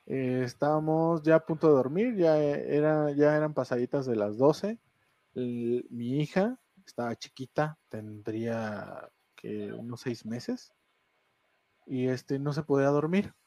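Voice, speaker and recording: A man's voice: mid-range voice, a little slow, dark tone, no room sound. A man with a Mexican Spanish accent, co-hosting a casual podcast chat and telling a ghost story with slang and laughter. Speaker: podcast co-host.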